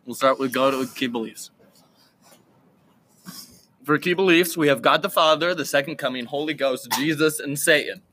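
Bright-voiced guy hurrying through lists. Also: fairly high pitch, a little hiss or hum. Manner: reads out lists, rushes others along. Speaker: co-host. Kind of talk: casual podcast chat.

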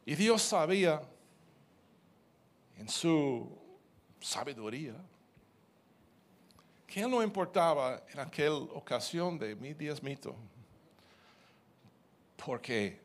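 Animated man giving a sermon testimony. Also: mid-range voice, takes it slowly, pauses often. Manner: animated storytelling, with repeated words.

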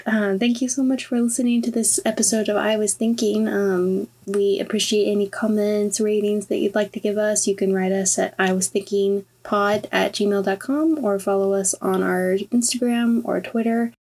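A woman with a husky, breathy voice at a middling pitch chats casually on a podcast. She is agreeable and a little giggly, and sounds tired. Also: flat delivery, moderate pace, few pauses, darkish tone. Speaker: podcast co-host. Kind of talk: casual chat.

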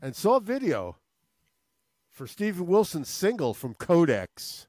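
Male co-host, easygoing chat, lively pitch, dry close sound. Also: a little slow, no echo. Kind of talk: casual chat.

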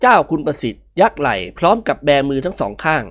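A woman narrating a comic novel in an expressive storybook reading. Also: low voice, fast talker.

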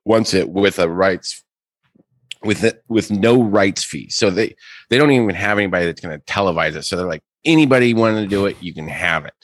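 Male co-host, low voice, dry close mic, reads golf news casually with asides. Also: fairly quick, no echo. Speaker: podcast co-host.

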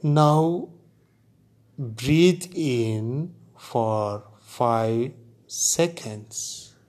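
A man leads a guided meditation in a calm voice at a medium pitch. His delivery is extremely slow and deliberate. Short phrases are set apart by long, unhurried pauses, in the measured style of relaxation instruction.

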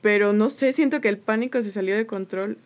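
A woman's voice: medium pitch, fairly quick. A woman co-hosting a casual podcast, talking hesitantly and unsure of herself. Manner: hesitant, unsure, many fillers. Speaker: podcast co-host. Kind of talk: casual chat.

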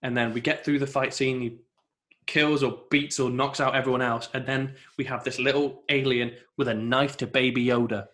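Guy on a podcast walking through the plot, even mid pitch, steady. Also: normal speed. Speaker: podcast co-host. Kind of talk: casual TV episode review chat.

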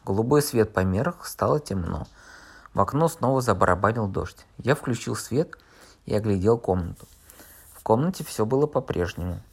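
A man's voice: on the low side, animated, moderate pace, creaky, breathy edge. A man narrating an audiobook in the first person, telling the story steadily. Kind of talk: audiobook reading.

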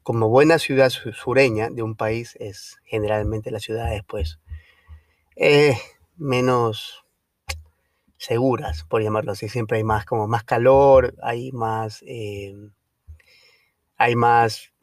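A man hosting his own podcast, telling a travel story in a casual, lively way with fillers and the odd swear word. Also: mid-range voice, slow, long pauses, dry recording, studio quality. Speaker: podcast host.

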